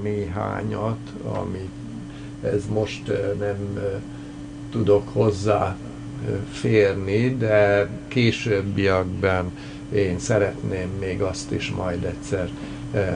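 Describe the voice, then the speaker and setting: A male radio host presenting history notes, pausing often with filler sounds and restarting phrases. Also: lowish voice, level tone, gravelly, background noise.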